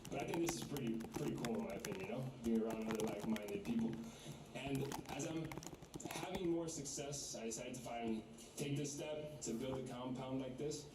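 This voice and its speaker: A man's voice: mid-range voice, brisk. A man in his twenties, a trading mentor, talking casually and enthusiastically to a live group in a large room. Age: 20s. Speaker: trading mentor hosting event. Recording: roomy, distant mic, noisy room.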